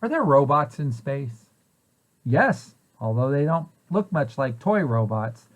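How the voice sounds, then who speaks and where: Reading a picture book to children, this preschool site director explains as he goes, posing questions and supplying the answers. He has a mid-range, sing-song voice and speaks a little slowly.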